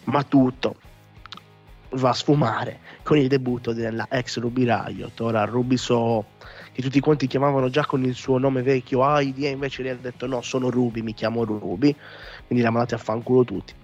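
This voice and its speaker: A man hosting a casual talk show, ranting in an animated, exasperated way and swearing freely. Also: mid-range voice, moderate pace. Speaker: podcast host. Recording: muffled lo-fi audio with music behind. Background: background music.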